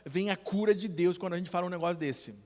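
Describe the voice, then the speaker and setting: A man preaches a sermon in a high voice, earnest and storytelling, often voicing the people in his stories. The sound has the long ringing reverb of a church hall. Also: fast talker. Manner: earnest preaching with retold dialogue, rising to loud emphasis. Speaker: pastor.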